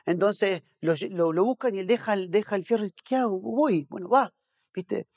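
A man, a pastor and missionary, talks as a guest in a relaxed interview. He races through his stories in a somewhat high voice, tripping over restarts and repeating words as he goes. The recording sounds dull and muffled. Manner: rapid, animated storytelling with many restarts and repeated words. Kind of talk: casual storytelling interview.

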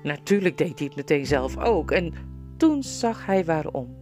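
Woman storybook narrator, expressive and animated; low voice, faint music bed. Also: a little slow. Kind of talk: reading a children's novel aloud.

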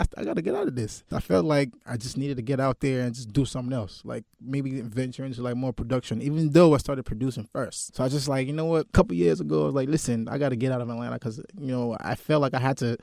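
A man from Nigeria with a Nigerian accent, a DJ guest in a casual interview, relaxed and chuckling often. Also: mid-range voice, gravelly, no echo, clean studio sound. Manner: relaxed, laughs often, repeats words.

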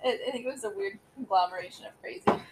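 A woman's voice: mid-range voice, fast talker, slight background noise, rough recording. A woman in her thirties co-hosting a podcast in casual chat, rambling with lots of fillers and giggles. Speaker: podcast co-host.

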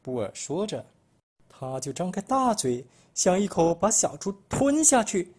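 A man from Malaysia narrating a children's picture book, expressive storytelling. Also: high-pitched, measured pace, slightly rough.

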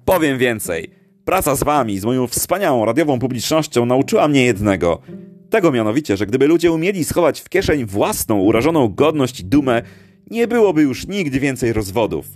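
A man voicing a brash, cheerful male late-night radio DJ with booming, preachy, folksy patter. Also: very animated, brisk, a little mellow, soft background music.

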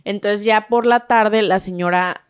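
A woman's voice: medium pitch, fairly even intonation, a little slow, clear, resonant tone, no echo. A Mexican woman co-hosting a comedy podcast, telling a story in casual chat and laughing often. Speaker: podcast co-host.

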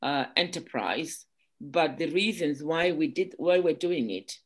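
A woman from Zimbabwe, an entrepreneur guest in an interview, who talks haltingly with many restarts and "um"s. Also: sits low, lively intonation. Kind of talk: casual interview chat.

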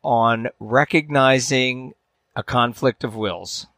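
A man hosting a podcast, reading a fable aloud in a measured storytelling way, with dramatic swings in pitch and loudness. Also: dry recording, studio quality. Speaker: podcast host.

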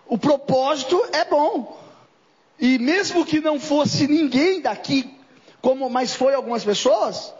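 A man's voice: sits high, darkish tone, breathy edge, long reverb tail, lo-fi sound. A Brazilian man preaching an impassioned sermon, often putting questions straight to his congregation. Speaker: apostle preaching. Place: church service.

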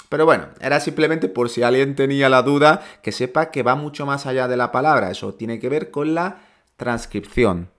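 Man from teaching casually. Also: mid-range voice. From Ceuta. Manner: conversational, many fillers and restarts, asks "¿no?". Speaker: Darija teacher. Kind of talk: casual explanatory lesson.

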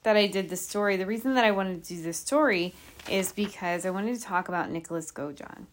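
A podcast host relays a true crime case from her notes, talking informally with asides and rhetorical questions. Her voice is mid-range and a little fast.

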